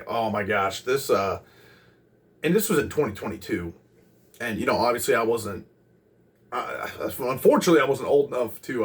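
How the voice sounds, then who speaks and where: A man in his twenties casually recalling a concert as host of a music channel, rambling with many pauses and restarts. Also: fairly low pitch, distant mic. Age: 20s. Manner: rambling, lots of ums and restarts.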